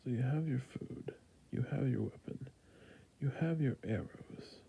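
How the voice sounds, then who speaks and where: A man's mid-range voice, heavily acted and at a measured pace, portrays a friendly, patient fantasy shopkeeper in ASMR roleplay. He keeps to a soft, breathy near-whisper with creaky endings and a gentle, soft, helpful sales manner, though the audio is poor.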